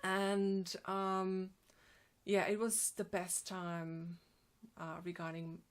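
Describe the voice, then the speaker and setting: A woman in her forties from Slovenia, with a Slovenian accent, answering interview questions about her design work with many pauses and ums. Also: medium pitch, monotone, smooth. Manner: hesitant, many ums and restarts. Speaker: graphic designer, guest.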